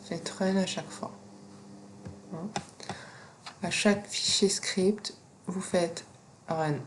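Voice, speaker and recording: Woman, non-native French accent, software tutorial teacher, slow pace, many fillers, faint background noise. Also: on the low side, fairly even intonation. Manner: slow, step-by-step instructions with frequent fillers. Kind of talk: screen-recorded software tutorial.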